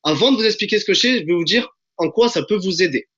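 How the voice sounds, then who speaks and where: A man presenting a recruiting webinar from his home over a video call gives a hyped, enthusiastic, pushy sales pitch, pressing listeners and calling them friends. His high, bright, forceful voice is animated and quick, while the call audio sounds dull and lo-fi.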